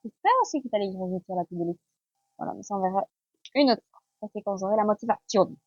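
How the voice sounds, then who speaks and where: A woman's voice: medium pitch, fast, darkish tone, no room sound, highs cut off. A woman with a French accent in a casual home vlog, chatting as she unboxes gifts. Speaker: vlogger.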